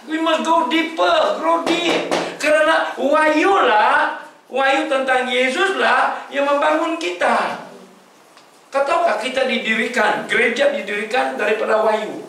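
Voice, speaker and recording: A man's voice: very high-pitched, measured pace, vocal fry, pushed and bright, a little hiss or hum. A male preacher, giving an emphatic sermon and questioning his congregation. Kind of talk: sermon mixing Malay and English. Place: church hall. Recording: echoey hall, voice from far off.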